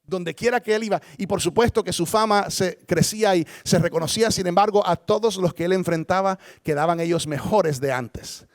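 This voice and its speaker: A man's voice: fairly quick, hardly any pauses, no room sound. Man, pastor, sermon, emphatic, rhetorical questions, dry sound. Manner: emphatic, dramatic swings in pitch and loudness, rhetorical questions.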